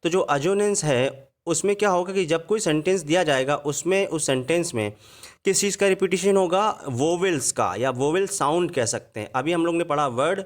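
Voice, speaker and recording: A man with a slightly high voice gives an online grammar lesson in Hindi. He explains patiently and drops into slow, careful reading whenever he quotes an English example. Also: animated. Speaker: English teacher. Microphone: voice-over on slides.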